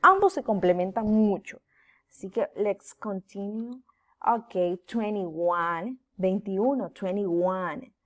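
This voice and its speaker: Slow, patient woman teacher. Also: mid-range voice, animated. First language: Spanish. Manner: slow, drawn-out, exaggerated pronunciation drills. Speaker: English teacher. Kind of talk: bilingual classroom lesson for children.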